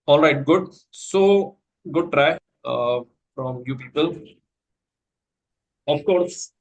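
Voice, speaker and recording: A placement trainer with an Indian English accent teaches an online placement class, patiently explaining and mixing Hindi with English. His voice is a little high and his speech very slow. The recording quality is low.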